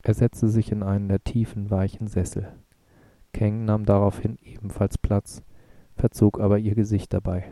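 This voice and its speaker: A man reading an audiobook in a measured, even way. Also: on the low side, no echo. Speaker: narrator. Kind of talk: audiobook narration.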